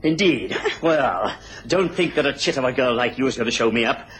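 An actor playing a cowardly, scheming gentleman with a bullying streak in a radio drama, agitated and given to stammering. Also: mid-range voice, animated, a little fast, slight background noise, natural voice, rough recording. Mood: menacing.

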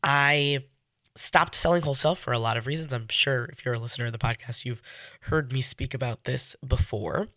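A woman hosting a casual solo podcast, sounding nasal from a head cold, speaking in a halting, self-correcting way. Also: a bass voice, fairly bright tone, no room sound, clean studio sound. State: getting over a cold. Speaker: podcast host.

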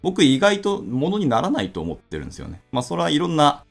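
Male solo podcast host, 30s, rapid, animated delivery full of fillers; faint music bed. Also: fairly high pitch, gravelly. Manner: rambling, thinking aloud with many fillers. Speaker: podcast host, programming instructor. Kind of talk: casual solo podcast talk.

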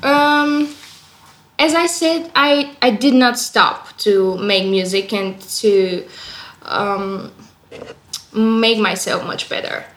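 A young woman from Bulgaria with a Bulgarian accent, speaking English as a second language in a casual interview, often pausing to search for words. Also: medium pitch, fairly bright tone. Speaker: guest singer-songwriter. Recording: roomy echo.

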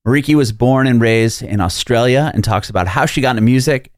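A man hosting a music podcast, speaking in an energetic, upbeat way and chatting casually with a guest over a video call. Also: medium pitch, fairly quick, dry recording, clean studio sound. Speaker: podcast host. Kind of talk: casual interview chat. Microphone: remote video call.

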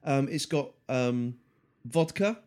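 Chatty man hosting, lively pitch. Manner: halting, many ums, teasing. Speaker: podcast host. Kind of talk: casual commentary chat.

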